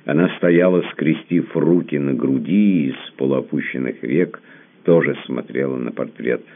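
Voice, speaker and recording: Very deep, gravelly male narrator. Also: unhurried. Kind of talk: audiobook reading of classic prose. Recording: lo-fi phone-like audio.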